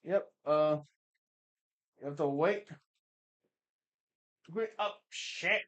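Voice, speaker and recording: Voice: mid-range voice, drawn-out words, a bit bright. A gaming streamer giving casual let's play commentary, swearing often, with sudden frustrated outbursts and chatty asides to the audience. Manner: laughs easily, chatty asides.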